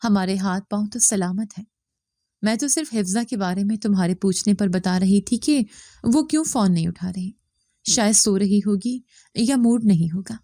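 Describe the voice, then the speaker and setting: A woman voicing an older mother-in-law who speaks softly and plays the victim. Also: mid-range voice, dry recording, lightly acted. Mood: sly. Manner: soft complaining tone, plays the victim. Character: older mother-in-law, sly and self-pitying.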